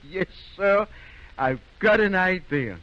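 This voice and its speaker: An actor playing a kindly, tactful small-town doctor who speaks hesitantly, in an old radio drama. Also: male voice, sits high, lively intonation, takes it slowly, fairly bright tone, heavily acted. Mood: keen, thoughtful. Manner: hesitant, full of uh and well. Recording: muffled, noisy old radio recording.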